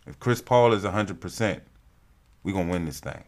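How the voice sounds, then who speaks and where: A young man giving casual, animated sports commentary as a vlogger, with a profane, trash-talking fan's manner. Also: deep voice, moderate pace.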